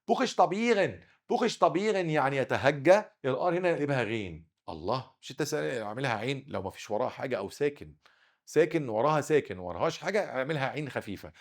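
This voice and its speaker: Fast-talking Egyptian teacher, man. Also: mid-range voice. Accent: Egyptian Arabic. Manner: drills pronunciation, repeating words with sharp stresses. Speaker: German teacher. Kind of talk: recorded classroom lesson.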